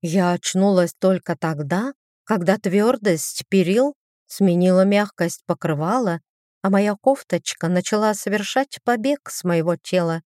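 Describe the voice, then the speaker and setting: A woman's voice: mid-range voice, a little slow, darkish tone, no echo, studio quality. A woman narrating a romantic fantasy audiobook.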